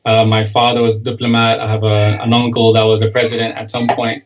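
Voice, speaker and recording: This is a fairly low, monotone male voice captured on poor audio. He's a political cartoonist and parent from Sudan, talking in a relaxed interview and stumbling through frequent restarts and filler words.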